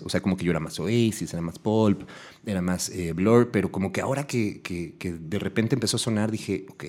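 A quick-talking man, hosting a relaxed conversation. He rattles through his questions, drops in constant little agreements, and keeps the talk moving. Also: fairly low pitch. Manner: quick, chatty, frequent filler agreements. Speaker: podcast host. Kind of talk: casual conversational interview.

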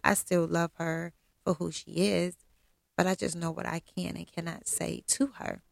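A middle-aged woman with a low, strongly gravelly voice full of fry tells a personal story straight to camera. She talks bluntly and with self-assurance, often stopping on a filler "um". The sound is close and dry. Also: little pitch movement, normal speed, no echo. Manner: blunt, candid, self-assured straight talk with frequent ums.

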